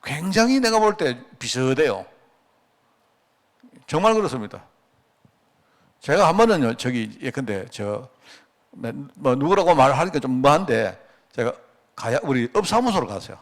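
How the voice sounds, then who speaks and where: A man's voice: mid-range voice, very animated, normal speed, pauses often. A middle-aged male pastor giving a conversational sermon at a prayer meeting, asking the congregation rhetorical questions and telling anecdotes. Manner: acts out quoted dialogue.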